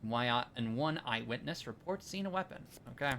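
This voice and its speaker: A man's voice: mid-range voice, lively intonation, brisk, a bit bright, slight background noise. A man streaming a game, chatting casually, reading game text aloud and thanking viewers. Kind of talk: casual live-stream commentary.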